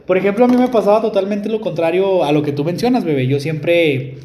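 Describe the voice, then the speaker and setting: A man's voice: high voice, fairly quick, dark tone, roomy sound. A man with a Mexican Spanish accent, co-hosting a casual podcast chat, teasing his co-host and speaking to listeners. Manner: teasing, joking, addresses listeners.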